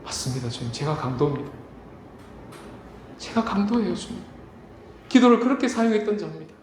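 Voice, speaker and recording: A man preaching as pastor delivers his sermon dramatically in a church sanctuary, performing the voices he quotes with wide pitch swings. He is very animated and fairly quick. The echoey church recording carries faint ambience plus a little hiss or hum.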